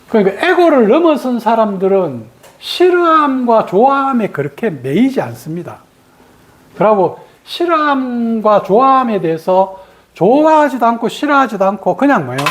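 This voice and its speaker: A woman meditation teacher gives a dharma talk and acts out the ego's sudden refusals in a lively way. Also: mid-range voice.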